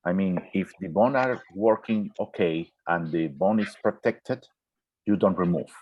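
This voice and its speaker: During a webinar, an orthopedic surgeon with a deep voice answers questions, explaining slowly and carefully with many fillers and frequent checks of "okay." The online call audio is dry, dull, and muffled.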